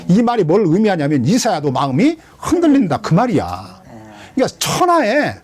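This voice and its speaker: Preaching expository style, this pastor's voice sits high and moves at a normal speed. He keeps things lively by quizzing the congregation and performing quoted lines dramatically.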